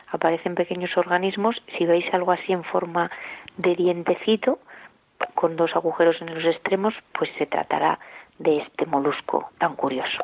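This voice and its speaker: A guest on a phone line patiently explaining small sea creatures in a calm, explanatory way. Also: medium pitch, gravelly. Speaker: marine biology guest.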